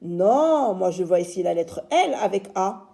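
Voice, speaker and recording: A woman teacher giving a slow, patient reading lesson to young children, sounding out each syllable. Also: medium pitch, sing-song, gravelly, warm tone.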